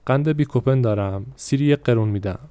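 A man's voice: medium pitch, fairly even intonation, dark tone, no room sound, close to an everyday voice. A man voicing a male street beet seller in a spoken story, offhand and calling out his wares.

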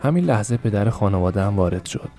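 Low, mellow-voiced male audiobook narrator. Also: animated, soft background music. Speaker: podcast narrator.

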